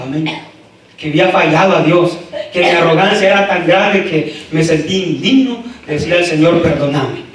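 A man preaching a sermon to a congregation, peppering his talk with "amén" and building up to loud shouted exhortations. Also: on the high side. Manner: frequent "amén" interjections, talks straight to the congregation. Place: church sanctuary. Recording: echoey church from a distant mic.

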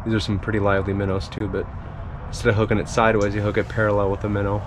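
A man's voice: on the low side, monotone, racing. A young man in his twenties hosting a casual fishing vlog, talking upbeat and playful into a camera held at arm's length, first from a car and then inside an ice-fishing tent on a frozen lake. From North Dakota, USA. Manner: upbeat, playful, stutters words for fun. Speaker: fishing channel host. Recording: noisy outdoor camera audio.

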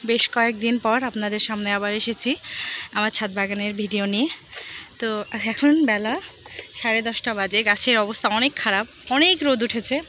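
This rooftop garden vlogger, a woman with a Bangladeshi accent, speaks fairly quickly in a high-leaning, steady, sharp voice. Chatting casually to her viewers, she explains things with some repetition. The clip was captured outdoors in an open city rooftop garden on a handheld phone held behind the camera, so the sound is noisy.

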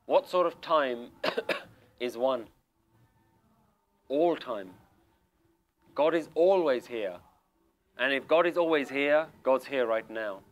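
A man's voice: mid-range voice, lively intonation, takes it slowly, long pauses. A male spiritual teacher giving an emphatic, questioning talk to a group seated in a room. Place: room with a small audience.

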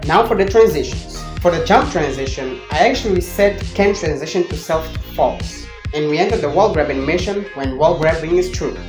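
Over background music in a roomy, echoing space, a young man narrates a scripted coding tutorial as its host. His fairly high voice is animated, moves at a normal speed, and barely pauses, captured on a handheld microphone with a furry windscreen.

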